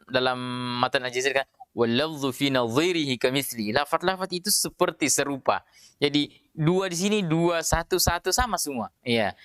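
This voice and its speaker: A man teaching Quran recitation rules, explaining patiently with many drawn-out filler sounds and sounding out Arabic words aloud. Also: a little high, sharp tone, smooth, dry recording, clean studio sound. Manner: demonstrates Arabic pronunciations aloud. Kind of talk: tajwid lesson.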